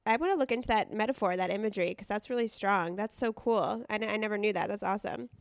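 A woman's voice: mid-range voice, fast talker, dry recording, clean studio sound. A woman co-hosting a casual chat in an effusive, joking manner. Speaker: podcast co-host.

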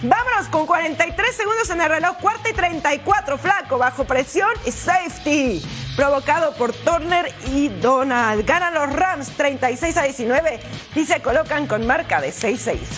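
High-pitched woman making touchdown calls. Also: animated, moderate pace, fairly bright tone, faint music behind. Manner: exclamatory, stretches key words. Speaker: sports highlights presenter. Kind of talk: American football highlights commentary with drawn-out touchdown calls.

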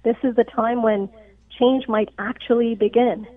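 This radio guest is a woman physician born in Pakistan, calling in over a tinny phone line and explaining earnestly, checking in with "right?" again and again. She speaks unhurriedly in a fairly high voice with fairly even intonation and no room sound.

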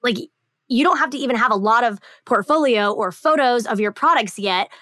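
Woman podcast co-host, casual and chatty, bright high-ish voice, dry close sound. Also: expressive, brisk, dry recording. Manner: chatty, heavy use of "like" and "um". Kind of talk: casual chat.

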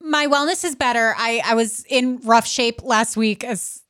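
A woman's voice: fairly high pitch, unhurried, fairly bright tone. A woman co-hosting a podcast in casual chat, talking candidly and swearing freely. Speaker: podcast co-host.

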